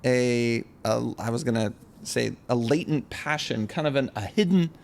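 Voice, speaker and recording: A man's voice: mid-range voice, normal speed, gravelly, a little hiss or hum. Reflective man hosting a hair podcast. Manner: reflective, rambling, restarts phrases. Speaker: podcast host. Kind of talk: casual podcast interview.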